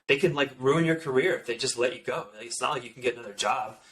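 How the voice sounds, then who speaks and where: A man in his thirties, an orthopedic surgeon, telling stories from residency in a casual, animated way full of "like" fillers. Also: medium pitch, fast, a loud crowd, low-quality recording. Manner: animated, many "like" fillers, quotes others in asides. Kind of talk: casual podcast storytelling.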